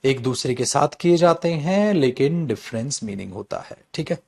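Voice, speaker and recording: A man giving an animated classroom lecture as an English teacher, repeating his key points. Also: mid-range voice, moderate pace, gravelly.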